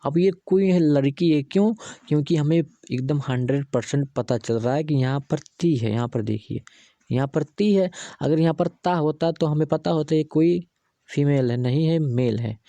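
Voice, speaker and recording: Guy teaching english grammar, keeps asking then answering, dark voice, dry close sound. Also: fairly high pitch, normal speed, no echo, dull audio. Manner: repetitive, patient teaching with rhetorical questions. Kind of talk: explaining grammar examples step by step.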